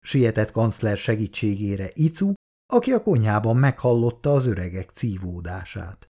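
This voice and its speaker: Expressive male storyteller. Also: lowish voice. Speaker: narrator. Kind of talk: storytelling narration.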